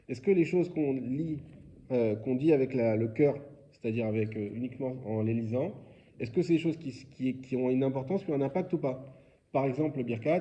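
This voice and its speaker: Rabbi quizzing a class. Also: male voice, fairly high pitch, dark tone, dull audio. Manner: informal, explanatory, asks questions then answers. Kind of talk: religious lesson quiz with students.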